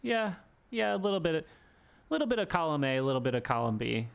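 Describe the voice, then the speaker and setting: Guy on a sports postgame stream, smooth clear voice, gets worked up and cusses a lot. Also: on the high side, fast talker. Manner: animated ranting, swears freely. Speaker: podcast co-host. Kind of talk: casual sports chat.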